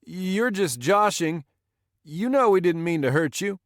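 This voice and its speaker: A man's voice: high voice, expressive, a little slow, no echo, studio quality, voice pushed up. A man voicing a frightened drunk who stammers and whines as he pleads. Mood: pleading. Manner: stuttering, whiny pleading. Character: scared drunk man, blustering then pleading.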